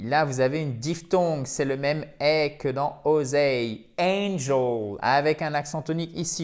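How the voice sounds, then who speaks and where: A man whose first language is French, teaching English pronunciation in a lively, coaxing way, repeating words slowly as models. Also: on the high side. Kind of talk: pronunciation lesson.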